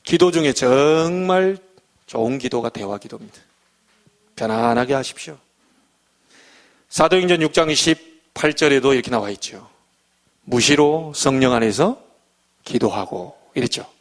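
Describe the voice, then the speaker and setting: A man preaching a midweek church sermon, talking in a lively, conversational way and acting out little everyday scenes. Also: mid-range voice, moderate pace, long pauses. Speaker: pastor.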